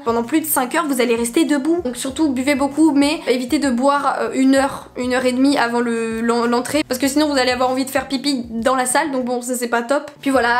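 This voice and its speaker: A young woman giving casual vlog advice, chatty and animated, telling stories with laughs and exaggeration. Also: sits high. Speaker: vlogger.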